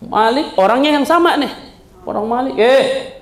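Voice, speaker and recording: Lively storytelling man, high voice. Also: moderate pace. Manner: lively storyteller acting out dialogue. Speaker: religious teacher. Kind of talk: pilgrimage guidance talk with storytelling. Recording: echoey room.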